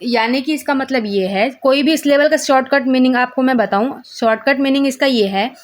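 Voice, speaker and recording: A young woman gives a casual study lesson with a slightly high voice. She reads English notes out slowly, then rushes through her explanations. The tone is relaxed and talky, like a student tutoring others. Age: young adult. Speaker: law student teaching.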